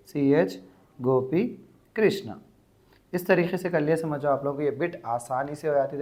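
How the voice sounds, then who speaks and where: A man teaching an exam-prep grammar lesson, explaining step by step and repeating words slowly to dictate. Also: on the high side, a little mellow.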